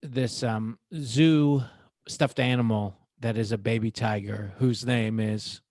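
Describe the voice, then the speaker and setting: A man in his thirties talks casually as a podcast co-host, loose and joking with plenty of swearing. His voice sits at a middle pitch and sounds close and dry, with no room behind it. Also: fairly even intonation, slow pace, darkish tone, dry recording. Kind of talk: casual chat. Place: home.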